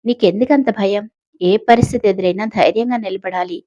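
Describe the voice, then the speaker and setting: A man's voice: high voice, fairly quick, warm tone, no room sound, lo-fi sound, natural voice. A woman voicing a confident young man who talks playfully and reassuringly, in a Telugu audio story.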